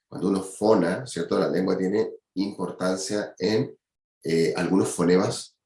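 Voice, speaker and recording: A man delivers a university anatomy lecture in a fairly low voice. He explains step by step and keeps checking that his students follow along. The sound is roomy and echoey, as in a classroom. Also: a little mellow. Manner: explanatory, peppers speech with "¿ya?" and "¿cierto?".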